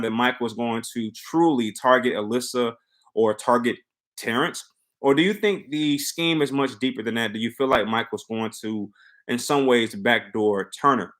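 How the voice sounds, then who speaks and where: A man with a mid-pitched voice hosts a live reality-show commentary stream. He talks conversationally, lays out his opinions on the game and leans on rhetorical questions and repeated phrases for emphasis. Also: fairly bright tone.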